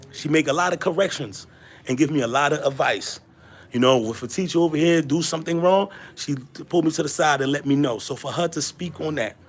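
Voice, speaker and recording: A man from Haiti hosting a casual livestream, reading viewer comments and greeting people by name in an animated, repetitive way. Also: medium pitch. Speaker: livestream host.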